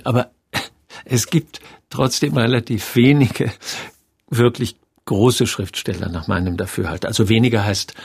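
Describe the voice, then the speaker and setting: A man's voice: fairly low pitch, gravelly, husky. A man in his sixties, a theater director, reflecting thoughtfully and telling stories in an interview. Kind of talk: radio interview.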